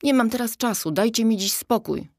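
A woman voicing an eager, impulsive young girl in a children's audiobook, quick and emotional. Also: on the high side, very animated, a little mellow, dry recording, studio quality, voice pushed up.

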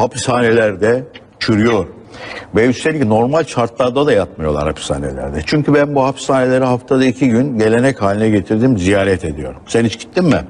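A man appearing as a guest in a heated televised debate, speaking slowly in a needling, mock-calm way. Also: medium pitch, breathy edge. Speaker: studio guest.

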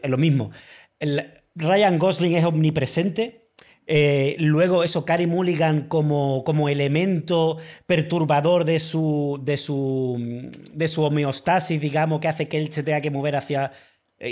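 A man's voice: a little high, darkish tone. A man, chatting casually and enthusiastically about films as a podcast co-host, full of slang. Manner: enthusiastic, uses slang and filler words. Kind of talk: casual film discussion.

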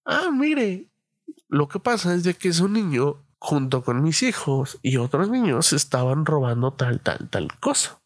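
A prim middle-aged mother on the phone, formal and fussy as she complains, put on by a man telling a story. Her voice sits well above a man's usual pitch, with a polite phone manner, recorded dry and close. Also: big pitch swings, unhurried, no room sound. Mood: polite, complaining.

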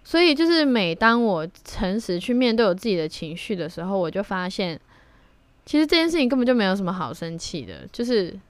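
A woman's voice: medium pitch, sing-song, a little fast, dry recording. A young woman hosts her own solo podcast, speaking candidly and reflectively and slipping in blunt slang. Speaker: podcast host. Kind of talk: casual solo podcast monologue.

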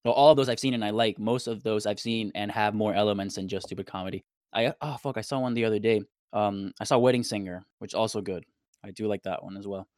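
Low-voiced young man, rambling casually. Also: fairly even intonation, fast talker, a little mellow, no room sound, studio quality. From Puerto Rico. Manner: rambling, enumerates points. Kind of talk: casual podcast chat.

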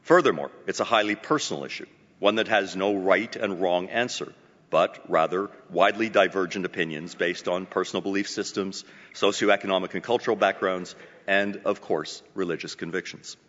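A man with a fairly low voice speaks as a formal event host. His delivery is grand and ceremonial, like an announcer addressing a meeting. The sound is slightly muffled, with long reverb from the hall. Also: normal speed, fairly bright tone. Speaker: club president hosting a luncheon event. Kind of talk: formal speech introducing a public event.

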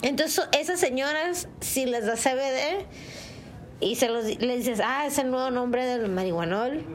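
Young northern mexican girl hosting a podcast, high voice, super slangy and crude, just chatting. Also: moderate pace, a little hiss or hum, low-quality recording. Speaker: podcast host. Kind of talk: casual chat.

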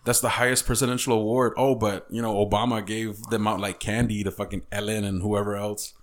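A man with a voice sitting a bit low, talking in a blunt, opinionated way. He swears often in easy, casual chat. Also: flat delivery, a little fast.

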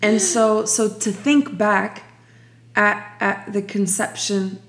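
A woman's voice: mid-range voice, level tone. A young woman from Ukraine sharing her personal faith testimony in an interview, reflective and full of restarts. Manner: slow, reflective, many restarts.

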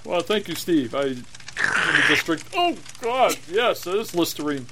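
A man's voice: a little high, very animated, a little slow, very noisy. A man improvising as a polite, bemused customer in a comedy role-play, speaking hesitantly.

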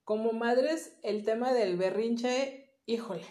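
A woman's voice: on the high side, slow, dark tone. A woman with a northern Mexican accent from Monterrey, co-hosting a casual podcast and explaining things directly to listeners. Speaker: podcast co-host, child psychotherapist. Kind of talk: casual conversational podcast talk. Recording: roomy echo, faint music.

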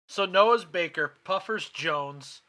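A man co-hosting a podcast in casual banter, quick with wry quips. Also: sits high, pushed and bright. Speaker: podcast co-host.

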